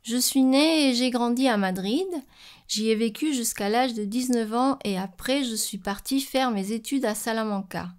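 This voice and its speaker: A woman playing a calm, polite young exchange student answering a radio interview in a scripted French lesson. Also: on the high side, normal speed, lightly acted. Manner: calm, polite, matter-of-fact.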